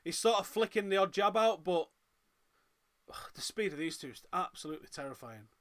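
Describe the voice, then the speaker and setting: The voice sits high and moves fairly quickly, carrying a Northern English Manchester accent. He's hosting a live fight watchalong, chatting through reactions and reading out viewer comments, and big moments get him loud and excited.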